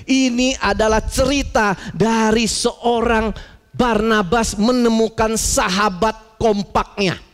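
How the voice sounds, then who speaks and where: A male pastor preaching a lively, conversational sermon, mixing slang with acted-out stories. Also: very high-pitched, big-room sound.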